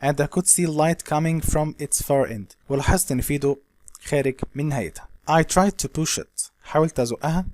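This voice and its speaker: A man with an Egyptian accent reads an English novel aloud slowly and explains each line in quick Arabic. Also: on the high side, a little mellow, a little hiss or hum. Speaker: English teacher.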